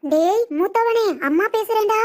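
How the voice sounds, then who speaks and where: Cartoon mother-in-law, older, shrill and scolding, played by a woman, very high voice. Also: brisk. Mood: scheming. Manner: scolding, nagging, loud. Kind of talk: cartoon comedy voice acting.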